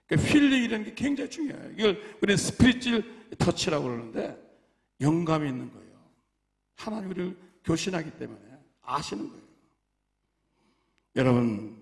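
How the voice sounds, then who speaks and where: A man preaching a sermon in a church, telling stories in an animated way with dramatic swings in loudness. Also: a little high, a little fast, gravelly, pauses often. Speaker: pastor. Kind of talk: storytelling sermon.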